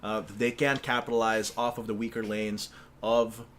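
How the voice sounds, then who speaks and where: A man's voice: on the low side, flat delivery, moderate pace, a bit bright, a little hiss or hum. A man doing esports play-by-play, with easy laughter and lots of hesitant fillers. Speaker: esports caster. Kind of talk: play-by-play commentary.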